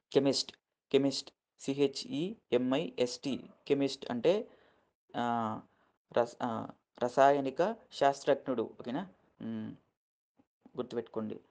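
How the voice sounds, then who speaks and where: A man's voice: mid-range voice, unhurried, long pauses, darkish tone. Earnest male Telugu teacher spelling words. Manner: keeps asking "okay?" after each point, spells words letter by letter; earnest, gets emotional while lecturing. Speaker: English vocabulary teacher. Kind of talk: casual lesson explaining words in Telugu.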